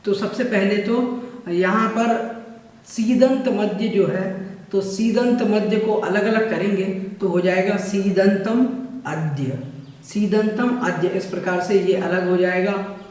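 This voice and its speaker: A man's voice: sits high, steady tone, slow pace, a little mellow. A man teaching an online scripture class, patiently explaining and repeating words to fix pronunciation. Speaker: religious teacher. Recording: echoey room, voice from far off.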